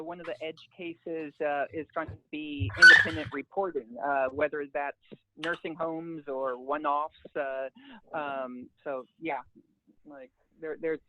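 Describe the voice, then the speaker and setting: A woman on a work conference call who speaks over a cellphone speakerphone. She talks haltingly, with many fillers and restarts. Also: low voice, background noise. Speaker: meeting participant. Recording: tinny cellphone line.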